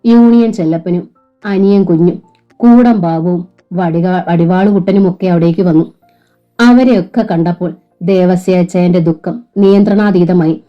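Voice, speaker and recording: A woman narrating a novel aloud in a steady, emotive storytelling manner. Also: on the low side, unhurried. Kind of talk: novel reading. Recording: muffled lo-fi recording with faint music.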